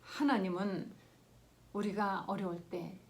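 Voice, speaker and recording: An older woman pastor preaching a sermon in an earnest storytelling way, swinging between loud exclaiming and hushed whispers. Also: medium pitch, steady tone, slow pace, gravelly.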